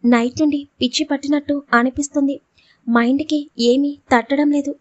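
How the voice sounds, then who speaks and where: A woman reading the lines of a distraught young man who speaks quietly, holding back tears, in an audio storybook. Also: sits high, fairly even intonation, normal speed, lo-fi sound, natural voice. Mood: grieving, hushed. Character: grieving young man, distraught over his missing wife.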